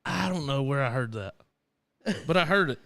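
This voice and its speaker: A man's voice: medium pitch, expressive, normal speed, creaky, pushed and bright. A man co-hosting a live radio podcast, joking, swearing freely and laughing often. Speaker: podcast co-host. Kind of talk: casual live radio banter.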